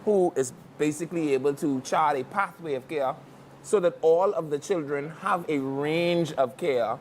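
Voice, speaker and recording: A man hosting a talk show, talking rapidly and rambling through his argument. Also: a little high, slight background noise. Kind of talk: casual talk show chat.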